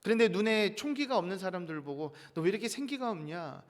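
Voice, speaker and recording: Man, pastor, early-morning sermon, earnest, high voice, long church echo. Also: expressive, fast talker. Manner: earnest, reads scripture aloud in a rising voice. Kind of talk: dawn sermon. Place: church sanctuary.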